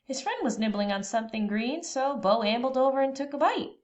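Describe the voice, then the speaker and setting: Reading a children's storybook aloud, this high-voiced woman is expressive and pauses dramatically and deliberately between phrases.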